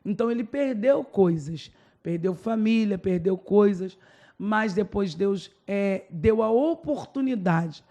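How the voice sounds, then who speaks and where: Brazilian woman pastor as podcast guest, gravelly voice, emotional storyteller. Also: mid-range voice, animated, slow, mellow. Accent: Brazilian Portuguese. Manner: emotional storytelling, acts out dialogue. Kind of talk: personal testimony in a podcast interview.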